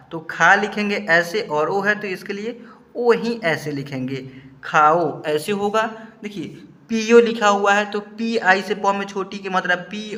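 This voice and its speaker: A man teaching students to read English spellings, spelling each word out slowly and asking if they understood. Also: sits high, sharp tone. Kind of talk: explaining a lesson to students. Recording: echoey room.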